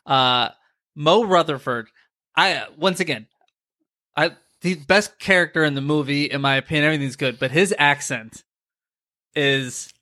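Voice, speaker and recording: A man's voice: fairly high pitch, a little slow, pauses often, sharp tone, no room sound, studio quality. A man co-hosting a podcast, reacting to a movie with disbelief and frequent restarts. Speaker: podcast co-host. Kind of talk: casual movie review chat.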